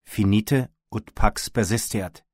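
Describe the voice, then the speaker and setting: A man puts on a tall male leader who pleads solemnly and insistently, each word slow and measured. The voice sits deep and low, recorded close and dry with no room sound around it. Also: darkish tone, no room sound. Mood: beseeching. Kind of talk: audiobook character voice.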